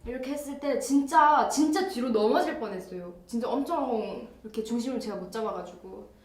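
A woman's voice: fairly high pitch, a little fast. A young woman chatting casually with fans on a live birthday stream, bubbly and chatty. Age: young adult. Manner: bubbly, chatty, acts out quoted voices. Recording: roomy echo.

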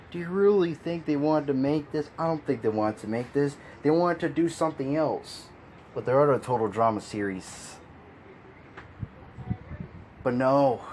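A man's voice: mid-range voice, a little mellow, slight background noise. A man giving a frustrated, exasperated rant as a video commentator, sighing and repeating himself. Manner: frustrated, exasperated ranting with sighs and laughs. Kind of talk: ranting opinion commentary.

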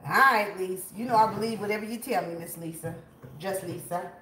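Chatty and a little fast in a mid-range voice, this woman runs a livestream from her large indoor home kitchen, cooking while welcoming viewers by name. She moves around a camera set on a tripod, and the echoey room carries faint background noise.

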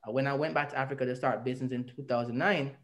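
This interview guest, a man with a Jamaican accent, talks very fast in a steady, medium-pitched voice while telling his story at length. He's on a video call webcam in a room at home, earnest and reflective, speaking with rising emphasis.

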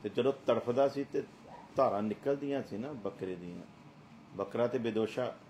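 A man's voice: medium pitch, normal speed, a little mellow, a little hiss or hum. A middle-aged man preaching a sermon as a pastor, emphatic and full of rhetorical questions.

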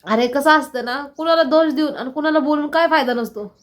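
A woman's voice: sits high, fairly quick. A distressed woman talking in an emotional personal vlog, aggrieved and firing off repeated rhetorical questions. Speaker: vlogger.

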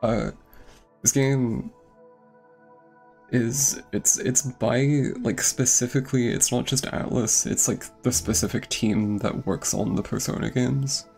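Rambling young man streamer, gravelly. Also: lowish voice, darkish tone. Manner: rambling, many fillers and restarts. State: slightly out of breath. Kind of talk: casual game-stream chat. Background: game music.

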